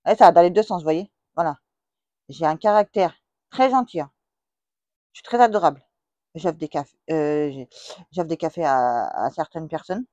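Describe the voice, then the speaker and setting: A woman's voice: lowish voice, warm tone, dry recording, lo-fi sound. Middle-aged woman vlogger, outspoken and rambling, close dry mic. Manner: blunt, chatty, repeats "voilà" often. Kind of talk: casual vlog monologue to subscribers. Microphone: plugged-in microphone that makes her sound loud.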